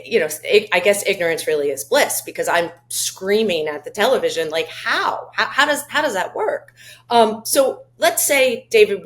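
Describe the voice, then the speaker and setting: A woman co-hosting a political interview, asking questions in a chatty, exasperated way. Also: lowish voice. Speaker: co-host.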